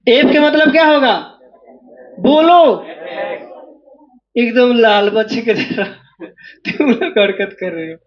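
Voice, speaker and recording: A man's voice: very high voice, slow, long pauses, highs cut off. A man teaching maths in a classroom, pressing students again and again to call out the answers. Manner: drills students, asking them again and again to answer aloud. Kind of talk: classroom lecture.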